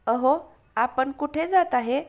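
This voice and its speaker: A woman's voice: sits high, slow pace. A woman voicing a sulky young wife. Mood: irritated. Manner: irritated, exclaiming.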